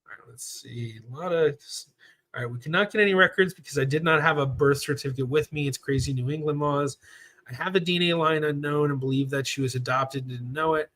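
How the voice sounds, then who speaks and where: A man's voice: a little high, fairly quick, fairly bright tone. A man in his thirties, a professional genealogist hosting a casual livestream Q&A, talking in a chatty, rambling way with lots of fillers. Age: 30s.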